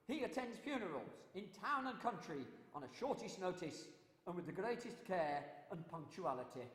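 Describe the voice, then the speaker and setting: Man doing a pompous town crier, ringing hall echo. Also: high-pitched. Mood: formal, proclaiming. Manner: town crier's loud ceremonial proclaiming. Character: old-time male town crier bellowing proclamations, pompous and formal. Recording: echoey hall with long reverb.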